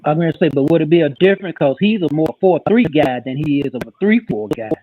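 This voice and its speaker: A man's voice: a little high, lively intonation, quick pace, no room sound, phone-quality sound, faint music behind. Man on a glitchy video call. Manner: repeats and stammers words. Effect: joining remotely on a video call with a shaky connection. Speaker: football podcast panelist. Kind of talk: casual sports chat.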